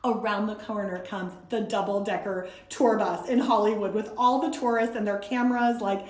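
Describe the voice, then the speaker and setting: A woman guest in a conversation, telling a story in an animated, self-mocking way and laughing often. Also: medium pitch, moderate pace, roomy sound. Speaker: guest speaker from a women's ministry.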